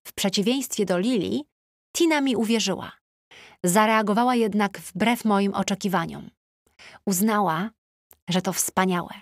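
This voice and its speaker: A woman narrating an audiobook in the first person, in a chatty, lively tone like a teenager's diary. Her voice sits at a middle pitch. She is recorded on a close, dry studio mic with no room sound. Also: a little slow, no room sound.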